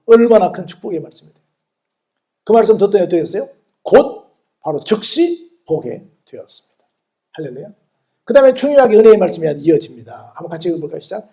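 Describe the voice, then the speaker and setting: A man with a fairly high voice preaches a sermon in a church. He asks his congregation question after question and answers them himself. He punctuates the sermon with hallelujahs, and his voice swells and drops as he retells a story. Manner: retells the story vividly with shifting loudness. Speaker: pastor. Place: church sanctuary.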